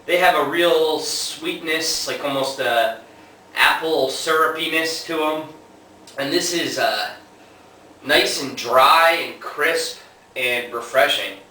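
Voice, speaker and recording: A man casually reviewing a homebrew in a relaxed, unhurried way with plenty of fillers, recorded on a camera at a distance. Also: fairly high pitch, a little hiss or hum. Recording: echoey room, mic at a distance.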